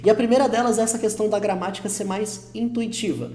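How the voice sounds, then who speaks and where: A man with a Brazilian Portuguese accent teaching an online English lesson, patient and reassuring, repeating each example slowly. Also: sits high, steady tone, darkish tone. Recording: roomy echo.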